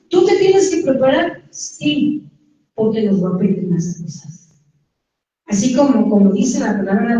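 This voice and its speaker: Woman, Mexican accent, church testimony, high voice, distant mic, dull sound. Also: mellow, very echoey, slight background noise. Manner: conversational, addresses listeners directly. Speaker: church member giving testimony. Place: church hall.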